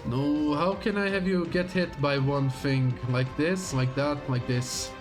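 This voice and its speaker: A man's voice: a little high, steady tone, measured pace, over music. A man giving casual, informal gameplay commentary, self-deprecating and free with swearing. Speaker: game streamer reading dialogue aloud.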